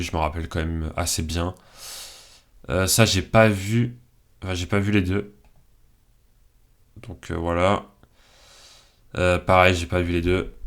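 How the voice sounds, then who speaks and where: A man hosting his channel, chatting casually as he picks between films, thinking aloud with frequent hesitations and fillers. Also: sits low. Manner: relaxed and candid. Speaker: channel host. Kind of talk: casual commentary while picking films.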